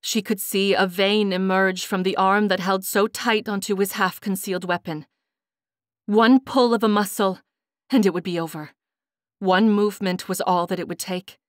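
A woman narrating a fantasy audiobook in a measured, dramatic storytelling manner. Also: mid-range voice, no room sound, clean studio sound.

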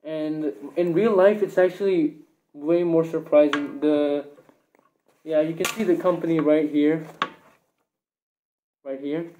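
A man's voice: fairly high pitch, fairly even intonation, takes it slowly, long pauses, dark tone, a little hiss or hum. A young man giving a casual, rambling gear review, his voice muffled through a cloth mask.

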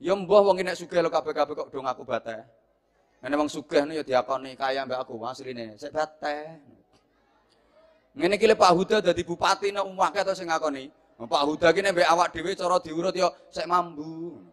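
A middle-aged man with a Javanese accent giving a humorous sermon, telling stories lively and acting out the people in them. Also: on the high side, fairly quick. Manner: lively storytelling, acts out scenes and mimics people. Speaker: preacher.

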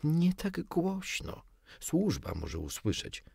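Man doing a soft, worried mother, raised high from a low husky voice. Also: very animated, slow pace, no room sound, exaggerated voice. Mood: pleading. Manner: pleading, soft. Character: anxious gentle mother, pleading softly.

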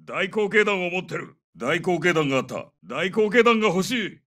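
A man's voice: high voice, animated, normal speed, fairly bright tone, recorded from a distance. A man voicing a tough, seasoned military captain in a shooter game, giving terse, commanding combat callouts. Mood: brisk, businesslike. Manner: terse, commanding radio-call delivery. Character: tough, seasoned British male special forces captain. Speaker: video game voice actor.

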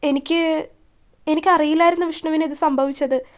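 A proud but heartbroken young woman speaks in a soft, faltering way, as a woman storyteller reads her. The voice is high. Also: fairly even intonation, moderate pace, lightly acted. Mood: tearful.

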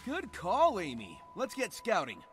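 A breezy, confident young American hedgehog hero from a video game. His voice sits high and bounces around in a wisecracking, easygoing way, over music. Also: huge pitch swings, unhurried, full character voice. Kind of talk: video game cutscene acting.

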